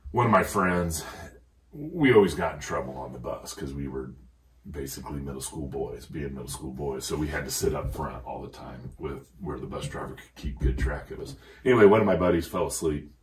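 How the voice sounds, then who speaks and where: A middle-aged man with a very low, deep voice tells rambling stories and laughs through them. He sits a little back from the mic in an echoey room. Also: lively intonation, fairly quick, recorded from a distance. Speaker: podcast guest. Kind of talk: casual chat, storytelling.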